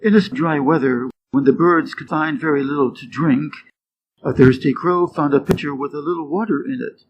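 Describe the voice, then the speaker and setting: A slightly high-voiced American man from Wisconsin reads short fables and quiz questions for English learners in his Midwestern accent. The teacher's scripted delivery is slow, clear and deliberate, rising in pitch on answer choices. Faint noise runs through the dull, lo-fi recording.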